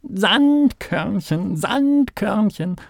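A man voicing an eager, impatient little male mole in a children's storybook, with loud, excited exclamations. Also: mid-range voice, unhurried, vocal fry, no echo, clean studio sound, heavily acted. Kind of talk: storybook read-aloud.

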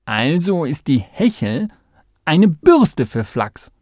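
A man's voice: a little high, sing-song, darkish tone, no room sound, clean studio sound, voice pushed up, exaggerated voice. A man voicing a small, anxious male mole in a storybook reading, whiny and pleading. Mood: indignant. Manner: whiny, pleading, quick to sulk.

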